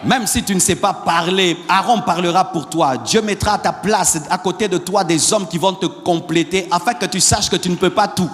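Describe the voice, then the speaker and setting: A male pastor delivering a sermon, repeating phrases and building up to shouted exhortations to the congregation. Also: sits high, normal speed, hardly any pauses, long reverb tail, soft background music. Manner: repetitive, rising to shouted exhortations.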